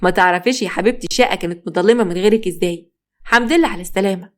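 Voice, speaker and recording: A woman's voice: medium pitch, racing, lightly acted. A woman reading a sweet-talking Egyptian husband. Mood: falsely sweet. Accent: Egyptian Arabic. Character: scheming husband, smooth-talking man.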